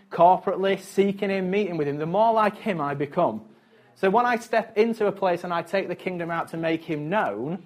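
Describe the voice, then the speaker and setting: Chatty male pastor, slightly high voice. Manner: conversational, chatty, chuckles between points. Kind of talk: sermon.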